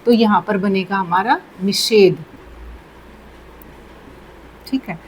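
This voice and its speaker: A woman's voice: mid-range voice, slow pace, slight background noise, poor audio. A woman teaching Hindi grammar in a patient classroom manner, repeating key words and checking in often. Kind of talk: slow, deliberate classroom explanation.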